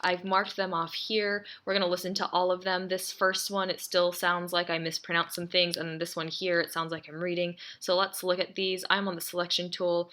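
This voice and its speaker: Woman tutor, home setup, talks through editing her takes; bright, low-ish voice. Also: level tone, normal speed, few pauses. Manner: explains each step aloud, then reads test takes. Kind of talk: screen-recorded software tutorial. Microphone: desk mic, then a quieter built-in mic.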